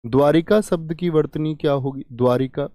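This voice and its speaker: A man's voice: fairly high pitch, moderate pace, warm tone, no room sound, clean studio sound. A man teaching Hindi grammar in a live online exam-prep class, asking questions and repeating key words. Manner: asks and answers his own questions, repeats key words.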